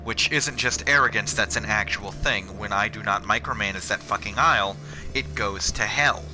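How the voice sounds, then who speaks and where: Playing a video game with music in the background, this young man rambles about his job in a sarcastic, foul-mouthed way. His lowish voice keeps a normal speed. He's a channel host making casual conversation over gameplay.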